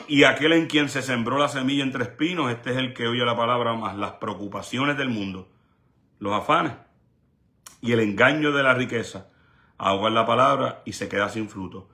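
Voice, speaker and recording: A man's voice: medium pitch, normal speed, sharp tone. A male evangelist delivering a sermon with an emphatic, repetitive preaching cadence.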